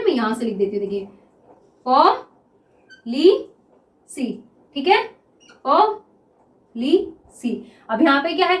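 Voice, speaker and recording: A high-pitched woman gives a classroom lesson, drawing out example words as she writes them and checking in with her students again and again. The room rings with a noticeable echo. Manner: repeats words slowly while writing, asks 'clear?' often. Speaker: shorthand teacher.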